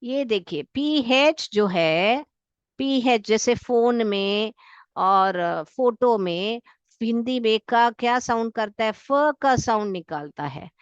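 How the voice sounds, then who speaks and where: A woman teacher with an Indian accent explains alliteration. She reads example sentences slowly and sounds out the letters one by one, asking her students questions and answering them herself. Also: on the high side, expressive, clear, resonant tone, no echo, muffled recording. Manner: addresses students as beta, asks and answers her own questions. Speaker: English teacher. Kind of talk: classroom lesson explaining alliteration.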